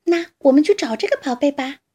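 A woman voicing an excitable young fox in a storybook, eager and lively. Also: high voice, normal speed, voice pushed up. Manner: excited and bright.

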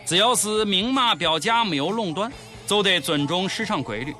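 A man's voice: high-pitched, expressive, normal speed, pushed and bright, soft background music. A man with a Shaanxi accent hosting a comedy show, delivering scripted commentary in an exaggerated, sarcastic way.

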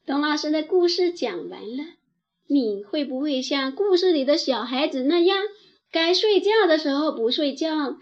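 A woman teacher narrates a children's bedtime story in a high voice that sounds somewhat dull. She speaks very slowly and gently, yet tells the tale in a lively way.

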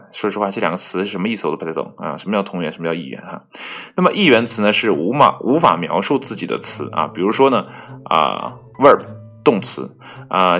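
A man casually reading an article aloud. He adds chatty asides, leans on filler particles between phrases, and trips over foreign names and corrects himself out loud. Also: low-pitched. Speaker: reader of an online article.

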